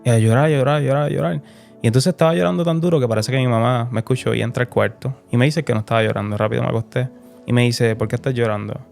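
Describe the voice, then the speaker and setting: A man's voice: mid-range voice, very fast, vocal fry, darkish tone. A young man shares his personal faith testimony as a guest, telling it earnestly and emotionally and often repeating phrases. Faint music sits under his voice. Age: young adult. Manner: earnest, emotional storytelling with repetitions.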